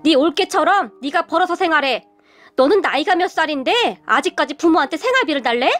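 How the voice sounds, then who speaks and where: A woman's voice: high voice, lively intonation, brisk, a bit bright, soft background music. Stern older father-in-law, woman reading. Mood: angry. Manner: stern, firm.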